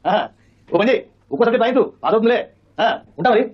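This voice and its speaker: A man performing a comic sketch, talking rapidly and answering his own questions. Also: very high-pitched, husky, highs cut off. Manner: rapid, talks over others.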